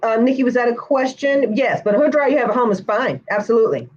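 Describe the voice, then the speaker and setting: A woman's voice: on the high side, animated, fast talker, dull audio. A woman hair stylist teaching a live online course, chatting with viewers by name and answering their comments. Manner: chatty, addresses viewers by name, says y'all.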